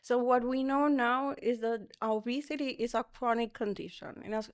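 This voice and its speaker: Clear-voiced woman from the Dominican Republic. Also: on the high side. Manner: careful explanatory, frequent um fillers. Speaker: pediatric obesity physician guest. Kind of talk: podcast interview.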